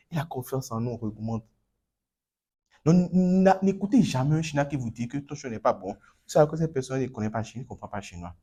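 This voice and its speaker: A man's voice: a little high, darkish tone, breathy edge. A man coaching a class on Chinese pronunciation, drilling students and repeating words energetically.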